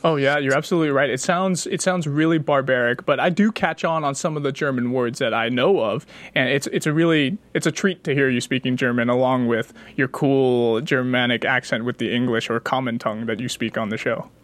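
A man's voice: medium pitch, brisk, hardly any pauses, fairly bright tone, no room sound. A man hosting an interview, eager and enthusiastic, often stumbling into his questions. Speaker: interviewer host. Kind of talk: casual interview chat.

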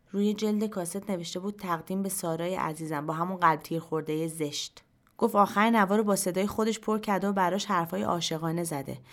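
A woman reading a short story aloud in first person, in a quiet, measured storytelling voice. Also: lowish voice. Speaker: narrator. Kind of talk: scripted narration of a short story.

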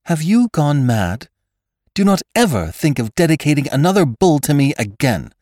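A proud, imperious actress who snaps out orders with scorn, as a man lifts his voice high above his usual low register to play her. Her lines come out louder and sharper than the narration around them, in a dry, close sound. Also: very animated, moderate pace, dry recording. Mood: commanding. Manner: haughty and commanding.

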